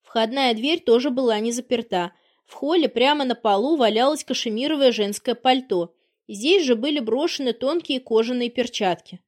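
A woman narrating an audiobook with an even, storytelling delivery. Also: on the high side, normal speed. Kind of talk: scripted narration.

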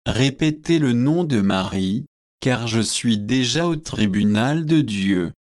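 Man voicing a dying monk, earnest and pleading, slow, dry booth sound. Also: medium pitch, animated, a little mellow, no room sound.

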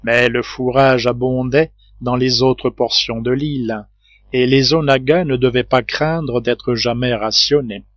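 A man narrating an audiobook of a classic novel in a steady, unhurried reading voice. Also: mid-range voice, no echo. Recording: dry, slightly dull home recording.

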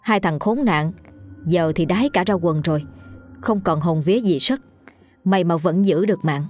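A woman telling a ghost story in steady, dramatic narration. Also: fairly low pitch, moderate pace, faint music behind.

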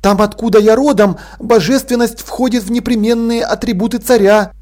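An awkward, kindly young prince at school who talks hesitantly, with a touch of gruffness, as a man puts him on. The voice is raised above the reader's own. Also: very high voice, normal speed, a little mellow, voice pushed up.

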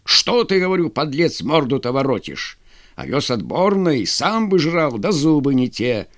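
A man's voice: mid-range voice, very animated, unhurried. A man doing a jovial old bearded Cossack sergeant. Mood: folksy. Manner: folksy, drawling yarn-spinning.

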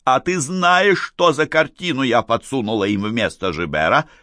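Male reader playing a hot-tempered woman, pitched up, shrill, audiobook. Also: huge pitch swings, slow, dry recording, clean studio sound, heavily acted. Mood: icy. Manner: shrill, shouting. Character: agitated woman, middle-aged, quick to shout.

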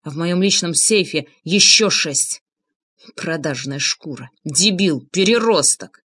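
A woman's voice: lowish voice, animated, unhurried, fairly bright tone, breathy edge, heavily acted. A woman voicing a harsh, contemptuous ex-soldier. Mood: furious. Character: hardened former paratrooper man, angry and blunt.

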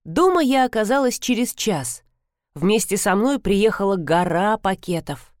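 A woman's voice: expressive, measured pace, darkish tone, dry recording. Woman reading a story dry and close. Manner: voices characters with pitch jumps. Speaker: audiobook narrator. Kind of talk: first-person audiobook reading.

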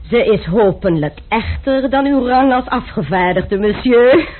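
In a tinny, hissy lo-fi radio play, a young adult male actor uses a very high, lively, heavily acted voice. He plays a young gambler and duelist whose delivery is dry, mocking and unhurried.

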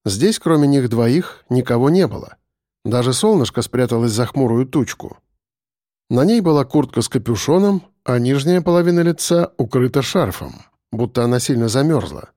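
A man narrating an audiobook in an expressive, storytelling way. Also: mid-range voice, moderate pace, dry recording, studio quality. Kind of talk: scripted narration.

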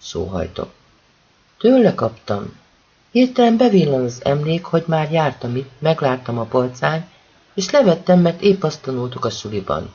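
Husky male audiobook narrator. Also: a little high, dull audio. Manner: expressive first-person narration. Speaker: audiobook reader. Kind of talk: scripted narration of a novel.

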